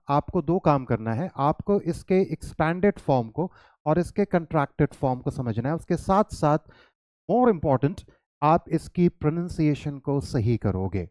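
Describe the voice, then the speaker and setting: A man's voice: on the high side, expressive, measured pace, darkish tone, no echo, studio quality. An Indian man teaching an English lesson, mixing Hindi and English and quizzing his students with coaxing questions. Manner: coaxing, questions to students, calls them "child".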